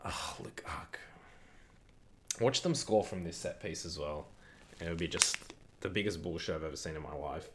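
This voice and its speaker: A man hosting a casual live football watch-along stream, chatting with viewers and reacting loudly to the play. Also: low-pitched, fairly quick, slight background noise.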